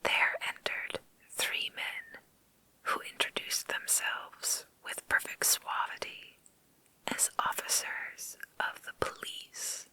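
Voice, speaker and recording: A woman reading a story in a creepy, breathy ASMR whisper, slow and deliberate, close to the microphone. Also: bright, forceful tone, no echo, low-quality recording.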